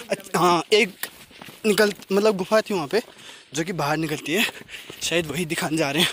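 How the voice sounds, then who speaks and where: A man's voice: a little high, fairly bright tone. A young man narrating a casual travel vlog while walking outdoors, talking into a handheld phone camera. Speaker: travel vlogger. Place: outdoors at a hill temple.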